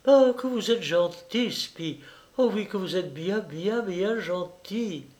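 A man's voice: sits high, expressive, takes it slowly, a little mellow, voice pushed up. Man doing a gushing, cooing young lady. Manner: cooing, fussy baby talk to a little dog. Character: gushing, affected young Parisian woman fussing over lapdog.

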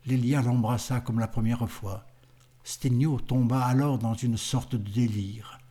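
A man narrating a literary audiobook in a measured, unhurried manner. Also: medium pitch, steady tone, dark tone.

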